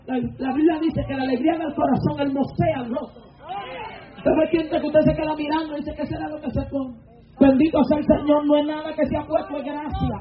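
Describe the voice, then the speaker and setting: A woman preacher delivering a fiery evangelistic sermon, shouting and breaking into sing-song praise. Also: sits high. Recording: tinny lo-fi with faint music.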